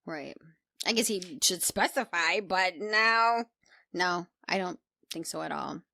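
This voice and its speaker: A woman's voice: on the low side, slow, vocal fry, pushed and bright, clean studio sound. A woman in casual, reactive chat as a co-host, agreeable and often echoing what she hears. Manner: agreeable, echoing the other speaker.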